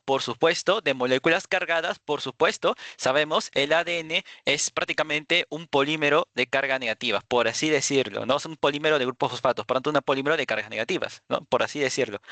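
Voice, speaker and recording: Guy teaching a workshop, kinda high bright voice, repeats himself a lot. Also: no room sound. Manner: checks in constantly with "de acuerdo"; repeats words, small restarts. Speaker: workshop instructor. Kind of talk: lecture with slides.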